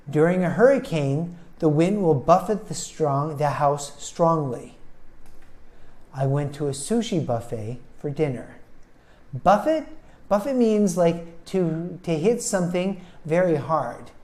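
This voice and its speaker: A man teaching English pronunciation, speaking slowly and deliberately and sounding words out syllable by syllable. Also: on the high side, warm tone.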